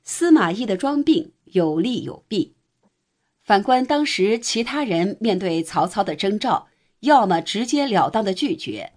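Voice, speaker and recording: A woman narrating a nonfiction history audiobook in a steady, even reading voice. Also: medium pitch.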